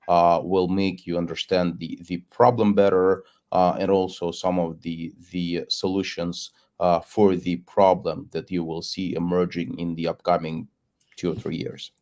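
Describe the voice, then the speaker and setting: A man gives a webinar presentation as a solution architect over a video call, speaking in a measured way and repeating words as he thinks. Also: deep voice, darkish tone.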